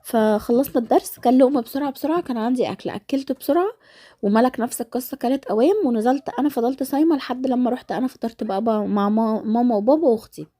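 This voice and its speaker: Fast-talking Egyptian woman with a stuffy nose. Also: on the high side, dark tone. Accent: Egyptian Arabic. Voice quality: congested, nasal from a blocked nose. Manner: rambling, familiar address to followers. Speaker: vlogger. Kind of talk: casual chatty vlog voice-over.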